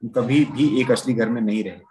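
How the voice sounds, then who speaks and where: A man reading the lines of a hopeful mother in a storybook, gentle and wistful. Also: mid-range voice, brisk, slight background noise, natural voice. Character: hopeful mother dreaming of an old house.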